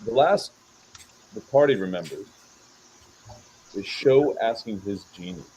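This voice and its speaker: A man with a low voice runs a tabletop game as its game master. He narrates in halting, dramatic phrases, with some background noise behind him. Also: expressive, mellow, low-quality recording.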